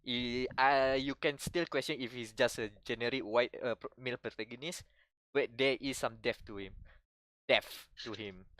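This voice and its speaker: A young man with a Malaysian English accent, co-hosting a casual podcast chat, rambling and animated with frequent restarts. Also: medium pitch, moderate pace, no echo. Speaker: podcast co-host.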